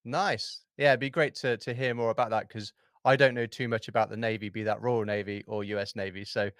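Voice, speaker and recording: A man's voice: fairly low pitch, steady tone, fairly quick, a bit bright, no echo, studio quality. A man hosting a podcast, asking friendly, easygoing questions with plenty of fillers. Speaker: podcast host. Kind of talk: interviewing.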